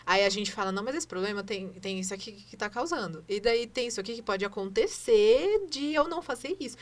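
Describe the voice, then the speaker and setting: A woman hosts a casual podcast chat, talking fast at a mid pitch. She reflects on what her guest says and asks follow-up questions. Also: animated. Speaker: podcast host.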